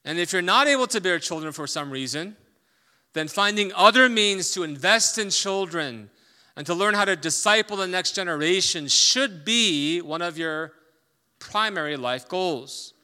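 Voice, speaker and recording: A man preaching a sermon as a pastor, emphatic, swinging between loud stressed points and quiet asides. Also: high voice, expressive, normal speed, clear, resonant tone, long reverb tail.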